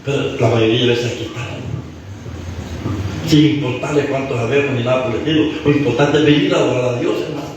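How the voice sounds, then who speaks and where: A man's voice: mid-range voice, fairly even intonation, fast, background noise. A man preaching a sermon as pastor, impassioned, often calling out to his listeners and stumbling over restarts. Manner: impassioned, repeatedly addressing "hermano", stumbling restarts. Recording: very echoey room, mic far off.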